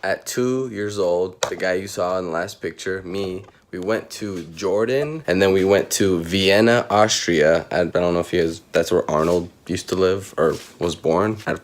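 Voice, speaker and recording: Joking young man vlogging, lowish voice. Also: moderate pace, few pauses. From Iraq. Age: 20s. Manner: joking, rambling, self-mocking. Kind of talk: casual personal vlog.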